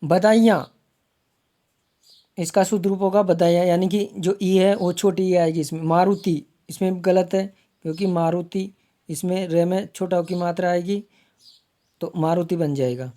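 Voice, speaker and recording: Slow, mellow-voiced Hindi grammar teacher. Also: male voice, high voice, fairly even intonation. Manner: slow, repeats words to spell them out; addresses viewers as friends. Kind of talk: exam-prep lesson.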